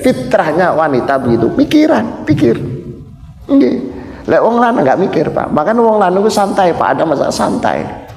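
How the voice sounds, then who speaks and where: A middle-aged man with an East Javanese accent preaching at a mosque study session, animated and joking as he mixes Javanese into Indonesian and keeps addressing the men in the audience. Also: high voice, moderate pace, vocal fry. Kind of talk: humorous sermon lecture. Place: mosque hall. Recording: echoey mosque hall with long reverb.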